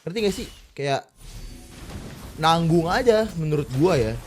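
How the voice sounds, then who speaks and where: An Indonesian streamer in his twenties talks casually while playing a game, rambling in slang, swearing often and breaking off mid-thought to react to the match. His voice is on the high side, animated and unhurried, with game music in the background.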